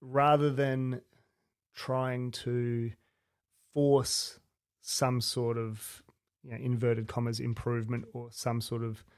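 Guy hosting a laid-back interview, bit of creak in his voice, thinks as he goes. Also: medium pitch, little pitch movement, slow pace. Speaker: podcast host interviewing a guest. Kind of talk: casual conversational interview.

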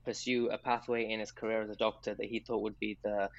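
A man's voice: fairly low pitch, flat delivery, fast, muffled recording. A man in his twenties, a doctor raised in England, chatting casually as a podcast guest and laughing often. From Pakistan, raised in England.

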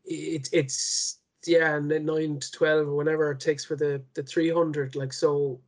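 A man with a west of Ireland accent, chatting casually as an interview guest in a halting way, often repeating words. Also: fairly high pitch, level tone. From Connemara, west of Ireland. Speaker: interview guest, ultra cyclist.

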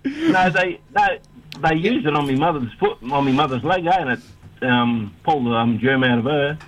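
A man's voice: on the high side, animated, normal speed, poor audio. A man with a Queensland Australian accent, chatting casually as a caller to a radio show. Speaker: phone-in caller. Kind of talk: casual chat. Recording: phone-in call, faint background noise.

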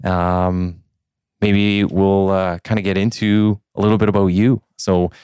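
A man's voice: low-pitched, little pitch movement, unhurried, darkish tone, smooth, no echo, clean studio sound. A man hosting a podcast, introducing his guest and asking friendly, easygoing questions with plenty of fillers. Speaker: podcast host. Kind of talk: conversational podcast interview.

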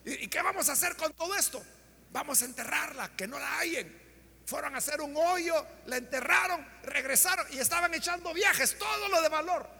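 A man preaching a sermon, retelling a story dramatically and shouting out the characters' lines. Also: very high-pitched, a little fast, vocal fry, big-room sound.

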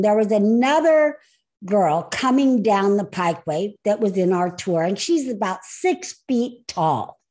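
A woman hosting a podcast on speaking, telling a personal story with animated, emphatic delivery. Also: on the high side. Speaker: podcast host and speaker coach.

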